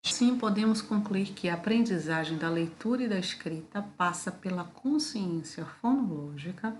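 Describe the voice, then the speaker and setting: A woman's voice: on the low side, lively intonation, moderate pace, slight background noise. A woman with a Brazilian Portuguese accent giving a video lecture, explaining step by step and checking in with "tá?" and "né?". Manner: explanatory, with frequent "tá?" and "né?" check-ins. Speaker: teacher.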